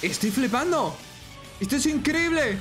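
A man with a Spain Spanish accent who reacts out loud with bursts of exclamation. His voice sits very high and he stretches his words out slowly. Faint music plays under him. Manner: excitable, frequent exclamations and shouts. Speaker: streamer reacting to a fan animation. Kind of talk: excited reaction commentary.

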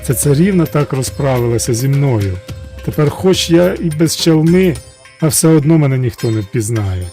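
Man as a young hunter hero, calm, firm, mellow low voice, fairy tale. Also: moderate pace, faint music behind, close to an everyday voice.

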